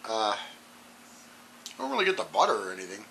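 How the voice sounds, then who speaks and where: A man with clogged sinuses casually reviewing a hot sauce on his channel, rambling with ums and clearing his throat often. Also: fairly low pitch, huge pitch swings, fairly quick, bright, forceful tone, slight background noise, rough recording.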